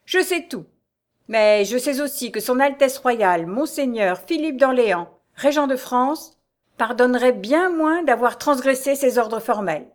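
A woman's voice: sits high, animated, measured pace, pitched above the performer's own voice. A woman reading as a curt, jaded old-time policeman. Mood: formal. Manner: dry, curt.

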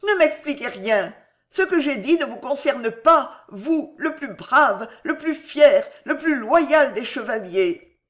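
A man voicing a gentle, tender young noblewoman who pleads softly and with emotion. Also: very high-pitched, sing-song, normal speed, voice pushed up. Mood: pleading.

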